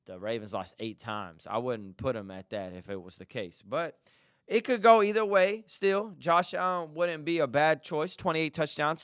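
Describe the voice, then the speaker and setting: Young guy riffing on football, slangy and fired up, smooth voice, dry close sound. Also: medium pitch, no echo. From Dallas area. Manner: slangy, animated, talks straight to listeners. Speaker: podcast host. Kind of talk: casual sports talk.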